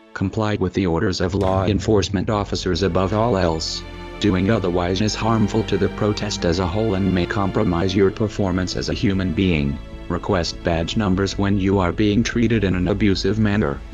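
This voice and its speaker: A disguised, very deep male voice delivers a formal, scripted statement as an anonymous spokesperson, measured and instructive. The audio is dull and lo-fi, with faint music running underneath. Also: a little mellow.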